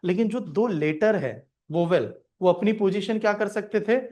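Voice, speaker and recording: A man with a high voice gives a math lesson. He asks his students questions, then answers them himself. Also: moderate pace, a little mellow. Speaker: math teacher. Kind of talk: classroom lecture.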